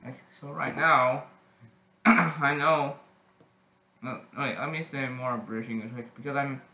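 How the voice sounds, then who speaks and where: A teenage boy chatting casually in a vlog, halting with many restarts and frequent throat clearing. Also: medium pitch, steady tone, bright, forceful tone, reverberant, rough recording. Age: teens. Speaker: vlogger.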